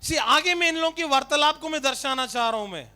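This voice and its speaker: A male pastor preaching a sermon, fervent, questioning the congregation and rising to shouts. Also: very high voice, animated, fast talker.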